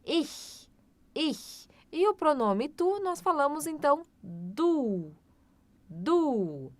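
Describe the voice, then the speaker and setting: A woman, teaching German in a slow, patient language lesson and repeating each phrase. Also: sits high, very animated, dry recording. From Brazil.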